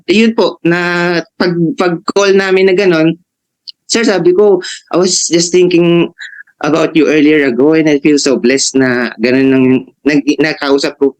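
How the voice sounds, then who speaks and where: A man with a Filipino accent tells a personal testimony from home. His voice sits a little high for a man, and he talks in an excited, laughing way, putting on voices for the people in his story. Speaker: church member giving a testimony. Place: at home, alone.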